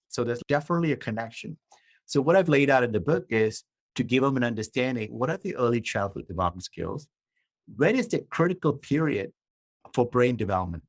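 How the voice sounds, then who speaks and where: A middle-aged Malaysian man with a medium-pitched voice is heard on a dry recording. He is a podcast guest, an author and coach, who explains his ideas in an orderly way and frequently checks in by saying "right?".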